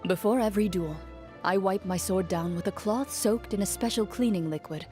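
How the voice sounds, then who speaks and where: An actress voices a cool, composed young woman who is a champion duelist in a fantasy video game, delivering scripted lines in a measured, formal, restrained way with light acting. Her medium-pitched, mellow voice sounds calm and serious over soft background music.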